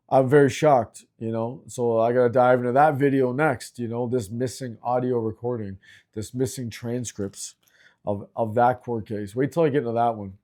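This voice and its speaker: In his own video, a middle-aged man from Canada delivers a ranting commentary about complaint agencies, full of frustration and heavy profanity. He speaks at medium pitch with a warm tone.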